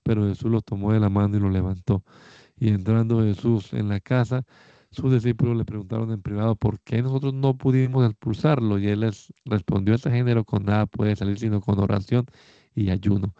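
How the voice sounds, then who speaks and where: A man reads scripture aloud in a warm, smooth voice. He keeps a measured, steady pace and raises his pitch slightly for quoted speech. The recording is dry and a little dull, with a slightly lo-fi sound. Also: dry recording. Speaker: Bible reader.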